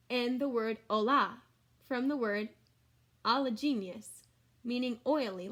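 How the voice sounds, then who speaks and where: A woman with a fairly high voice reads a children's book aloud like a teacher. She's expressive, full of exclamations, and adds simple explanations for young listeners.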